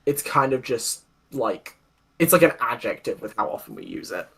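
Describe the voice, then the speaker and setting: Brief: British co-host, husky tone, swoops through their pitch, theatrical and giggly. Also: moderate pace. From United Kingdom. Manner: animated, laughs often, theatrical outbursts. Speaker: co-host of a roleplay channel. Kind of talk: casual group chat on a call.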